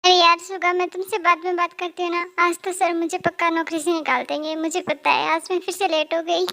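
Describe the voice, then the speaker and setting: A flustered young office worker rushing in late again, worried about being fired, voiced by a woman in a fan audio drama. Her voice is very high. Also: level tone, vocal fry, sharp tone, exaggerated voice. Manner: flustered and rushed.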